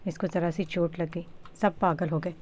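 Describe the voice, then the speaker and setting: A betrayed young wife from a storybook reading, her lines pushed and anguished, as a woman narrator acts her. The voice sits low for a woman and stays close to the reader's own. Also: fairly even intonation, normal speed, darkish tone, natural voice. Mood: shouting. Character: heartbroken young wife, shouting and bitter.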